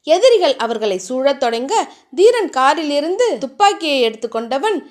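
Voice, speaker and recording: A young adult woman narrating a novel aloud in a steady, dramatic reading. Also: high-pitched, moderate pace. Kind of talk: storybook narration.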